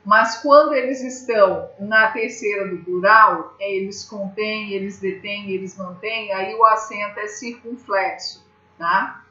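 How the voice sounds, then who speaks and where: A woman's voice: mid-range voice, fairly even intonation, unhurried, sharp tone. A woman teacher from Brazil giving a grammar lesson, patiently explaining step by step and checking in with her students. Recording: echoey room, slightly dull sound.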